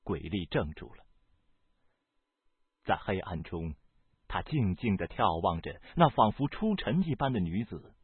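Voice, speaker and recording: A man with a husky voice reading a novel aloud as audiobook narrator, in an expressive, varied storytelling delivery. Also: deep voice, unhurried, long pauses, dry recording. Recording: dry, tinny phone-like sound.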